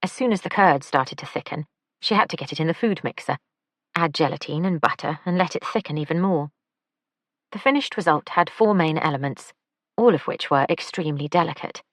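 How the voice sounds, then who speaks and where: A woman narrating an audiobook in an even, measured way on a close studio mic. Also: low-pitched, dry recording. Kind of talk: scripted narration.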